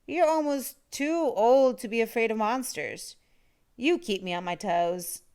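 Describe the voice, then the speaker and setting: A woman's voice: a little high, expressive, unhurried, darkish tone, clear, resonant tone. A woman voicing a friendly, hungry male monster who growls and teases with playful menace. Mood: affable, teasing. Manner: growling, teasing.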